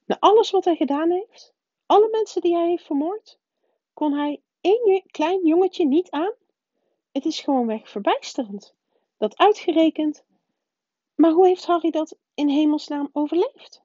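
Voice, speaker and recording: A woman reading aloud voices a stern older female professor who talks in a high, urgent, faltering way. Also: normal speed, dark tone, dry recording. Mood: shaken, tearful. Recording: dull, dry lo-fi recording.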